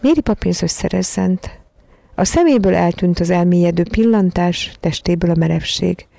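Woman reading a kids story, calm, low gravelly voice, dark and dry. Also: no echo. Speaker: narrator.

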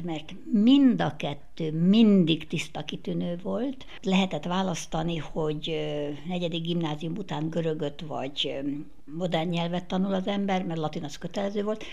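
An older woman interviewed on radio, reminiscing in a measured storytelling manner. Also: lowish voice, gravelly, darkish tone.

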